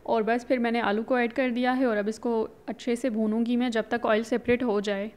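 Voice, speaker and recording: A woman runs her own cooking channel, casually explaining a recipe step by step in a chatty, instructive manner and mixing in English words. Her voice is a little high, level, clear, and resonant, slightly mellow, and a bit fast.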